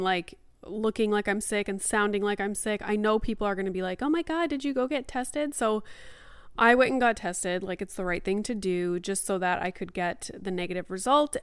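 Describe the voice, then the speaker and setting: A woman in her thirties hosts a casual solo podcast with a slightly nasal voice. Her tone is clean and smooth, and the sound is close and dry. She talks informally, like she is chatting to a friend. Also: medium pitch, dry recording. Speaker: podcast host.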